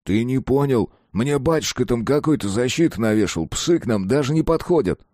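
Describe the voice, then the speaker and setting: Rough excitable bloke, blunt and foul-mouthed, narrator-voiced by a man, pitched higher and louder. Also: moderate pace, dry recording, clean studio sound, lightly acted. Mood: insistent. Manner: blunt, swearing, loud bursts.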